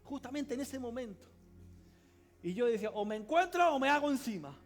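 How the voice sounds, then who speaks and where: A man preaching a sermon as pastor of a church, emphatic, swinging between loud cries and quiet asides and calling on the congregation to answer aloud. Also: extremely high pitch, sing-song, a little fast, faint music behind. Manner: calls on the congregation to respond aloud. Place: church service hall.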